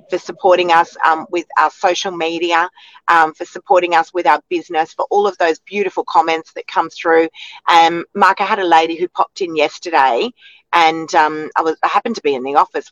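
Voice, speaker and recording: A woman's voice: deep voice, a bit bright. An Australian woman in her forties chats in a parked car, gushing and a little emotional, full of ums and you-knows. The sound is dull and dry, with no echo from the close cabin. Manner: chatty and emotional, many fillers. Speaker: real estate agent co-host. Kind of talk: casual chat.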